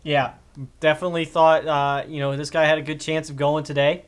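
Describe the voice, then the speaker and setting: A man's voice: on the high side, little pitch movement, a little fast, clear, resonant tone. Man hosting a live draft panel. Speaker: draft show host.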